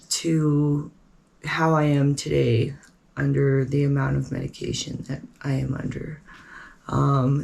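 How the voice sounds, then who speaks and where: Slow low-voiced woman, reflective. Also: creaky, darkish tone. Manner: hesitant, halting with fillers. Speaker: documentary narrator. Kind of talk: reflective personal narration.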